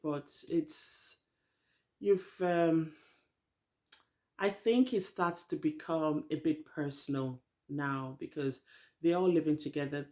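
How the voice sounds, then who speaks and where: A woman's voice: low-pitched, warm tone. Chatty middle-aged woman recapping a show. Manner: chatty, rambling, frank opinions. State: tired, hasn't eaten. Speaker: vlogger. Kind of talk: casual TV recap commentary.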